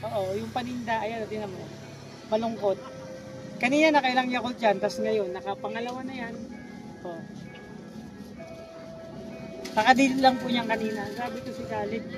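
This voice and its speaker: A man's voice: very high voice, steady tone, moderate pace, long pauses, music in the background. A man vlogging outdoors by the seaside, teasing and coaxing a child with playful questions. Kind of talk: casual vlog narration.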